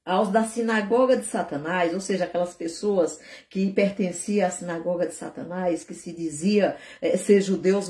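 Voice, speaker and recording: A woman preacher from Brazil giving a conversational, animated sermon, acting out her own prayers as she goes. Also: mid-range voice, roomy sound.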